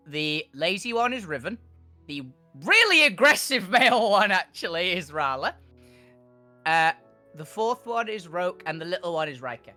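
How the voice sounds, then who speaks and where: Casting: lively tabletop gamer, bright tone, very mobile pitch, playful banter over music. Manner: animated, laughs readily. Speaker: player in a tabletop role-playing game. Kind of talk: casual in-character banter.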